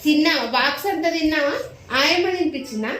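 A mother gently coaxing her child with short, repeated questions in casual home chat. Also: sits high, fast. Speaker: mother and vlogger. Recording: roomy, noisy home recording from off-mic.

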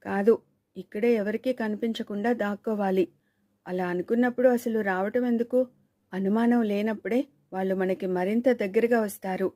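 A woman's voice: medium pitch, fairly even intonation, moderate pace, warm tone, close to an everyday voice. Woman reading as a wary learned man. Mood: cautious. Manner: anxious, scolding. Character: cautious learned man, the teller, uneasy.

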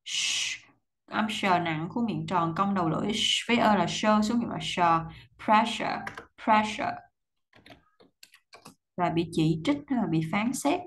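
A woman teaching English pronunciation, reading sentences aloud and repeating words slowly, sound by sound. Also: mid-range voice, a bit bright, a little hiss or hum, rough recording. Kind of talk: language lesson, reading and breaking down English sentences.

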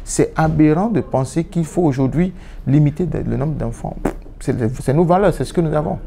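This musician, a man in his thirties and a native Yoruba speaker, sits on a sofa indoors and answers interview questions reflectively, frequently starting over and repeating himself. He speaks at a moderate pace in a fairly high, gravelly, dark voice, with slight background noise.

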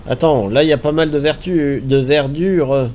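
Slight background noise surrounds this streamer as he plays a survival game, his voice on the high side and his speed normal. A stuffy nose colors his relaxed, chatty commentary, and he thinks aloud, repeating words.

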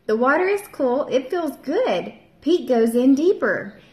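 A woman in her thirties, a teacher, reading a picture book aloud to young children and doing bright voices for the characters. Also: high-pitched, very animated, a little slow. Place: home room, seated at a table with a child. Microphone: camera at table distance. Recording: echoey room.

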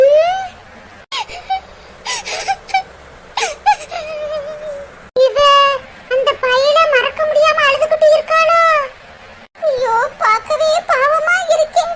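A woman's voice: extremely high pitch, background noise. A woman voicing a caring older sister in a cartoon, firm but tender, in a southern Tamil Nadu accent. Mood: worried. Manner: scolding yet tender, lamenting. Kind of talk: cartoon voice acting.

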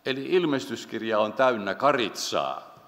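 A man preaching a solemn, measured sermon in a church, slowing down when he quotes scripture. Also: mid-range voice, expressive, fairly bright tone. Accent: Finnish. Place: church sanctuary. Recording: long church hall reverb.

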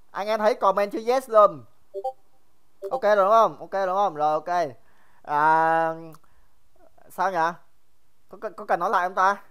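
A man's voice: sits high, a bit bright, clear, resonant tone. A young man teaching a casual livestream math review, chatty and joking, teasing his students by name and often repeating himself.

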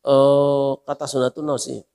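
A man preaching a mosque sermon as a kyai, telling stories lively and acting out the voices in them while joking with the congregation. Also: mid-range voice, normal speed, vocal fry, clean tone. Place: mosque hall. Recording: long reverb of a mosque hall.

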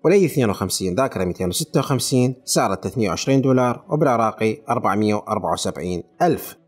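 A man with an Iraqi accent rattles through a list of prices at a very fast clip. His voice is slightly husky and sits at a medium pitch. Faint music plays underneath. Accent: Iraqi Arabic. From Iraq. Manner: rapid, listing figures in a steady run. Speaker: tech channel host. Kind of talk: reading out price lists.

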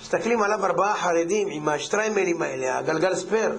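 A man, a rabbi, giving a humorous sermon, telling a parable and acting out its characters in quick back-and-forth dialogue. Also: high voice, crowd noise.

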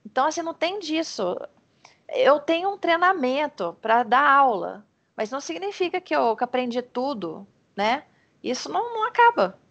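A woman's voice: high-pitched, sing-song, normal speed, a bit bright, highs cut off. Chatty Brazilian woman tutoring online. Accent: Brazilian Portuguese. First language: Portuguese. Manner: chatty, encouraging, explains with many restarts. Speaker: English teacher. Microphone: video call.

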